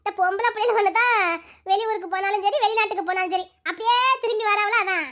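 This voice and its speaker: A woman's voice: extremely high pitch, fairly even intonation, quick pace, a bit bright. A woman playing a blunt, gossipy older village mother of the groom. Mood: scolding. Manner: scolding, gossipy, preachy.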